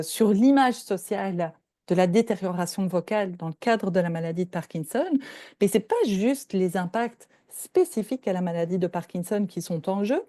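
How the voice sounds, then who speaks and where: A woman's voice: mid-range voice, warm tone, no echo, clean studio sound. Older woman giving a lecture. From Belgium. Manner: explanatory, checks in with "d'accord?". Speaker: professor giving a talk. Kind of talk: lecture presentation.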